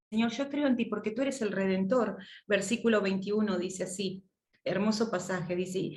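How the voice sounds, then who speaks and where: A woman's voice: mid-range voice, roomy sound. A woman teaching a Bible study to women of her church, reading verses aloud and speaking them as heartfelt prayers. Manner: addresses listeners directly with questions.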